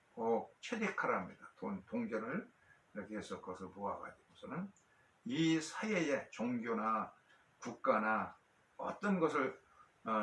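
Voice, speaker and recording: A male pastor preaching a sermon and telling a story, with frequent pauses and fillers. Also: lowish voice, a bit bright, reverberant, recorded from a distance, a little hiss or hum.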